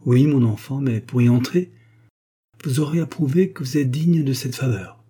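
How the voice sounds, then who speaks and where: A man voicing a kindly, fatherly middle-aged lawyer, speaking in a calm, reassuring way. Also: mid-range voice, normal speed, breathy edge, voice pushed up, close to an everyday voice.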